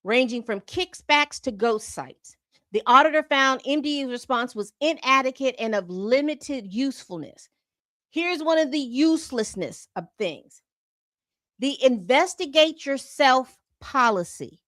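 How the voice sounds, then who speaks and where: A woman's voice: high-pitched, animated, a little slow, a bit bright, no echo. A woman hosting a commentary channel, reading from a report and breaking off into exasperated asides. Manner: reads documents aloud then comments with exasperated asides.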